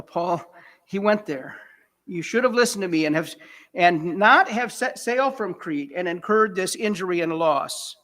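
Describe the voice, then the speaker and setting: A man preaching in a relaxed, talk-with-the-congregation way, chuckling now and then and correcting himself. His voice sits high for a man and rings bright and forceful. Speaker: pastor. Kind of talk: sermon.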